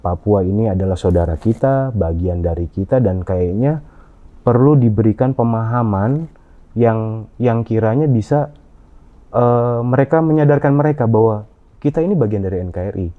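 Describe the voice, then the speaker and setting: A man answering interview questions in a halting way, with frequent fillers and restarts. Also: on the low side. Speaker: interview guest. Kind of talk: conversational interview. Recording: dull lo-fi audio.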